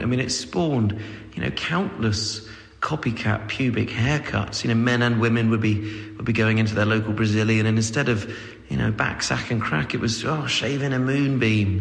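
A man's voice: mid-range voice, vocal fry, close to an everyday voice. A man playing a pompous, rambling male listener who pads his talk with fillers. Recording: echoey hall.

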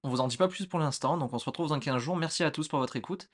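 A young man co-hosting a casual chat podcast, relaxed and hesitant, with many fillers. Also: fairly high pitch, fast talker. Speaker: podcast co-host.

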